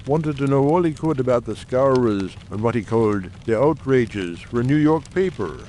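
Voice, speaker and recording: Playing an earnest, shrewd brother of a secret coal-town society in an audiobook drama, a man makes his case formally and persuasively, confident throughout. His medium-pitched voice is dark in tone and close to everyday speech, with lively intonation at normal speed, sounding confiding and assured. Faint noise runs behind it.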